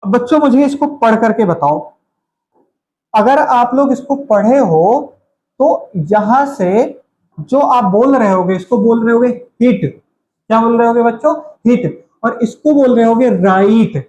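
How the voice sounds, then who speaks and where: A man's voice: extremely high pitch, unhurried, darkish tone. A man teaching a grammar lesson, calling his students kids, repeating each point and quizzing them. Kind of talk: classroom lecture. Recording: echoey room.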